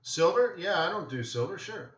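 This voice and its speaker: Running a live trading webinar, this man talks at a normal speed with a high-sitting voice and lively intonation. He offers offhand, casual remarks, musing aloud and frequently asking "right?". The recording is dull and echoey, with a roomy feel.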